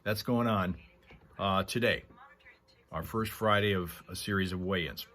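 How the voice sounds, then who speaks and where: A man's voice: sits low, measured pace, a bit bright. A man hosting a livestream, chatting casually to viewers in a rambling, conversational storytelling manner. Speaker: livestream host. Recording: clear background noise.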